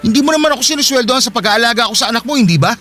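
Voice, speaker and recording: A high, lively, quick-talking young man in a radio drama, defensive and pleading. Faint music sits under his lines. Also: exaggerated voice. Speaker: stay-at-home partner in a radio drama.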